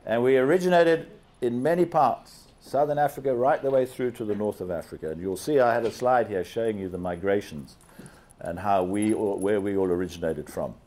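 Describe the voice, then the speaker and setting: An older man from Zambia, invited as guest speaker, addresses a seated audience in a big banquet hall with an animated slideshow. His voice sits on the low side and moves fairly quickly, and he quizzes listeners through a handheld microphone.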